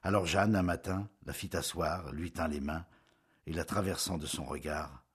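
This is literary audiobook narration, voiced by a man whose deep tone is husky, telling the story in a measured yet expressive way.

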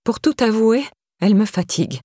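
A woman's voice: fairly high pitch, expressive, normal speed, mellow, slightly rough, no echo, voice pushed up. A woman reading an audiobook and voicing a frail, kindly old lady in a lightly raised voice, in a dry, close recording. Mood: fretful. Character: old woman, frail and fretful but kind.

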